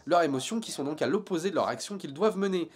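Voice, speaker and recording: Lively, high-voiced sarcastic male reviewer. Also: fast. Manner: sarcastic and joking, then earnest critique. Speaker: TV series reviewer. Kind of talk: casual video review.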